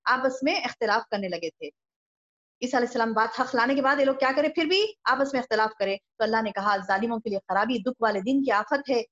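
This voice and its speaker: A woman giving a religious lesson, explaining scripture verse by verse, rising when she quotes and dropping low for asides. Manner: expressive, rises when quoting verses, drops low for asides. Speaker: Quran teacher. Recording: dull lo-fi recording.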